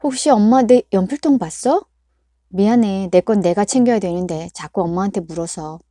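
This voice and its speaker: A woman voicing a petulant grade-school boy who shouts and whines at his mother. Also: medium pitch, normal speed, no room sound, studio quality, close to an everyday voice. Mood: sweet.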